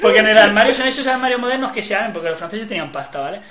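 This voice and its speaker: A man telling a long, crude, animated story in a casual chat, acting out the voices of the people in it. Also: sits high, rapid-fire, over a noisy crowd. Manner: animated, profane, acts out quoted voices. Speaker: podcast co-host telling a story.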